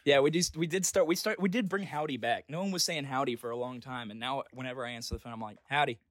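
A man's voice: medium pitch, fast talker. A man from Florida with a Floridian American accent, co-hosting a casual podcast, joking and laughing often. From Florida, USA. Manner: joking, laughs often, says dude a lot. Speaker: podcast co-host.

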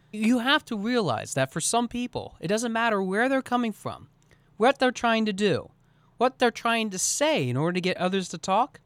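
Guy doing a solo podcast, kinda high voice, swings up and down a lot, goes on in long run-on thoughts. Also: fairly bright tone, no echo. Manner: long, winding, earnest sentences. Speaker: podcast host. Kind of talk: solo podcast monologue on communication.

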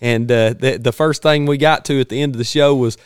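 Smooth-voiced Georgia man hosting a podcast. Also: medium pitch, fairly even intonation, a little fast, dry recording, studio quality. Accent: Georgia Southern. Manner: folksy. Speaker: podcast host. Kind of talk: casual outdoors podcast chat. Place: studio.

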